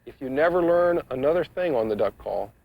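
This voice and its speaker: A man with a creaky, gravelly voice teaches a practical skill. He explains things step by step in a measured, matter-of-fact way, as an instructor would in a demonstration. The sound is dull and a little lo-fi, like an older instructional video. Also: fairly high pitch, expressive, slight background noise. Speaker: duck calling instructor.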